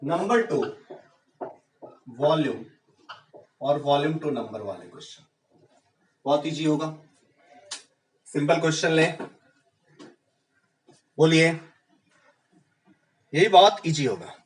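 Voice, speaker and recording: High-voiced man teaching chemistry. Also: slow pace, pauses often, roomy sound, recorded from a distance, slight background noise, rough recording. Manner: rhetorical questions, urging students on. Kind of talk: exam-prep lecture.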